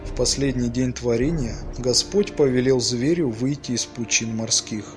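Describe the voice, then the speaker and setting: A man's voice: mid-range voice, moderate pace, faint music behind, close to an everyday voice. A man reading a grave old priest. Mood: solemn.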